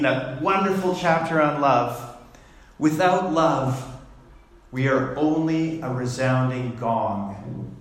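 A man preaching a sermon in a slow, deliberate way, pausing between words. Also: medium pitch. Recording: very echoey room.

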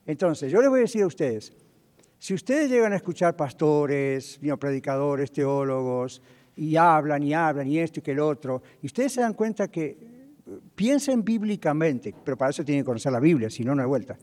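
A man with a fairly high voice preaches to his congregation, putting questions to the room and answering them himself. He slips in the odd English word. His voice rings through a hall with a long reverb. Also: animated, a little fast, darkish tone. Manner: drops in English words. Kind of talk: sermon to a congregation.

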